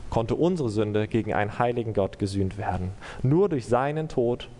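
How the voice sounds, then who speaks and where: Guy preaching a sermon then praying, earnest and measured, dark mellow tone, big echoey hall. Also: on the low side, animated. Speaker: pastor. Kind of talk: sermon and closing prayer.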